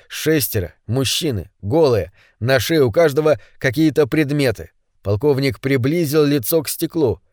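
A man reading a dark story aloud in a measured, tense storytelling voice. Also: medium pitch, no room sound, clean studio sound. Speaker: audiobook narrator. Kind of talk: dramatic story narration.

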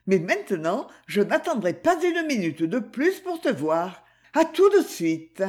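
A woman's voice: a little high, very animated, unhurried, pitched above the performer's own voice. A woman voicing a cheerful, affectionate young Parisian woman in an audiobook, speaking in a raised, eager way. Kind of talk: audiobook character voice.

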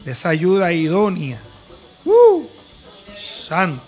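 Bright high-voiced preacher man. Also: expressive, soft background music. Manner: reads scripture slowly and emphatically, interjects praise. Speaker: preacher and program host. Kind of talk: preaching and Bible reading in a panel chat.

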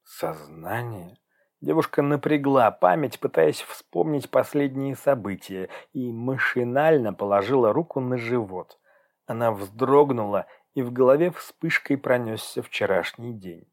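A man narrates an audiobook in a measured, even way. His voice sits at a middle pitch for a man. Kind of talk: scripted narration.

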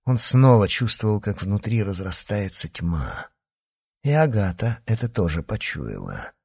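Brief: male audiobook narrator, lowish, husky tone. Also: sing-song, unhurried, a little mellow.

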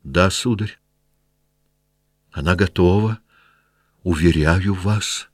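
A man's voice: deep voice, slow, husky, no room sound, studio quality, full character voice. A man voicing a sick, frightened older mother who cries out in anguish from her bed. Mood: weary. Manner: crying out, anguished.

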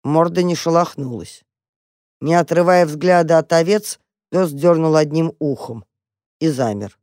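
A woman calmly and expressively narrating a children's tale as an audiobook. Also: low voice, a little slow, no echo, studio quality.

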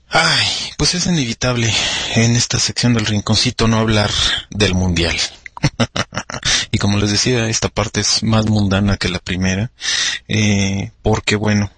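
A man's voice: lowish voice, unhurried, fairly bright tone, breathy edge. A man with a Mexican accent hosting a radio show, chatting casually and rambling with many fillers and restarts. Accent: Mexican Spanish.

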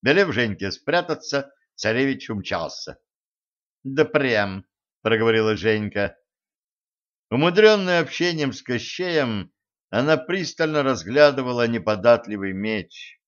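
Male audiobook narrator, brisk lively storybook reading, dull lo-fi sound. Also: medium pitch. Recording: dull lo-fi recording.

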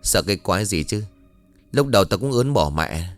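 A man's voice: on the low side, sing-song, normal speed, dry recording, soft background music. A man doing a brash, foul-mouthed young man. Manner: crude, swearing, brusque.

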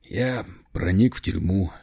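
A sardonic male operative who answers accusations with cool, cutting sarcasm, as a man reading the book puts him on. His voice sits low and dark, with a pointed, defiant edge. Audiobook character reading. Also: unhurried, vocal fry, slightly rough, heavily acted.

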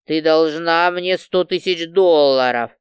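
A man's voice: sits high, measured pace, clean tone, no room sound. Woman doing a snarling crude gangster. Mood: angry threats. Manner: snarling, swearing. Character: furious beaten male gangster, vicious and crude.

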